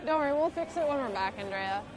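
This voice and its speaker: A woman's voice: high voice, animated, fast, music in the background. A young woman streamer chatting casually with viewers as she walks along, upbeat and addressing her audience. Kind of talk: casual live-stream chat.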